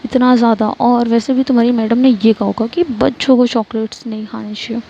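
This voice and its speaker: A woman's voice: a little high, fairly even intonation, fairly quick, warm tone, highs cut off. A woman voicing a young mother who coaxes and teases her small daughter in a storybook reading. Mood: questioning. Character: young mother, gentle and teasing.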